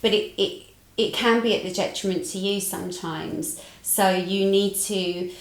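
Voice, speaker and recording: A woman's voice: mid-range voice, steady tone, a little slow. A British woman co-hosting a casual business chat, speaking thoughtfully and often restarting her phrases. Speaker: podcast co-host, business owner. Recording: roomy echo.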